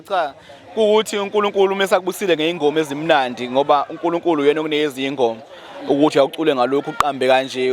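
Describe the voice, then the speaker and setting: Fast-talking man with a Zulu accent. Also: fairly high pitch. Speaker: musician, interview guest. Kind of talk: casual interview talk.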